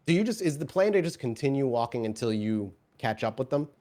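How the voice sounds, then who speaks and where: This game master shifts from rich descriptive storytelling to casual rule explanations while leading a tabletop roleplaying session. His pitch is average, his delivery very animated and brisk, and his voice a little mellow.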